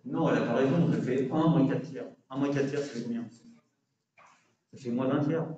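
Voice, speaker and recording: A mellow, mid-range male voice at a moderate pace belongs to a university lecturer teaching statistics through a face mask, explaining calculations step by step while correcting himself and checking with questions. Students fill the lecture room, where a distant mic yields muffled, very echoey sound with slight background noise.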